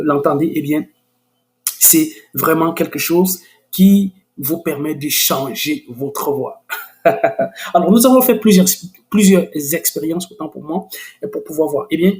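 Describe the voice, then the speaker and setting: A man hosting a screen-recorded software tutorial, hesitant and full of restarts, growing enthusiastic. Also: a little high. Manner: hesitant, many restarts and fillers.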